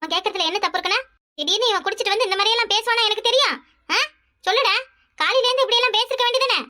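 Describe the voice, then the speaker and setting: Cartoon: woman playing a fiery, fast-talking village mother, Kanyakumari Tamil accent. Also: sharp tone. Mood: scolding. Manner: scolding, rapid and shrill. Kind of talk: cartoon voice acting.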